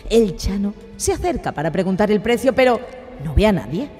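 A woman's voice: mid-range voice, big pitch swings, brisk, dark tone. A woman narrating a comedic radio sketch. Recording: hall reverb, faint music.

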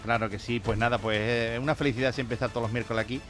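A man's voice: medium pitch, very fast, soft background music. A man telling jokes on a radio show, acting out the characters in his stories. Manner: animated storyteller, voicing characters in the jokes. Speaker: radio joke teller.

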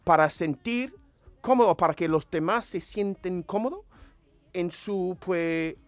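High-voiced man, dry close sound. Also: unhurried, no room sound. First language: English. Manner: searches for Spanish words mid-sentence. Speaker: co-host and former teacher. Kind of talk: casual radio chat.

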